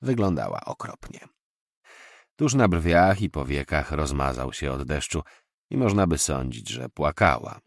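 Deep-voiced, expressive male narrator. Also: vocal fry, no echo, studio quality. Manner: expressive, measured storytelling. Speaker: audiobook narrator. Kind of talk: novel reading.

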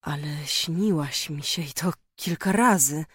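Shy dreamy young man, hesitant, soft-spoken, dry studio read; narrator's own voice. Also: mid-range voice, a little slow, husky, dry recording. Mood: shy, apologetic.

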